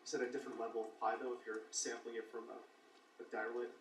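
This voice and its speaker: A man's voice: medium pitch, flat delivery, quick pace, recorded from a distance, a little hiss or hum. A man asking a lecturer hesitant questions during class. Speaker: student. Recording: echoey classroom recorded from afar.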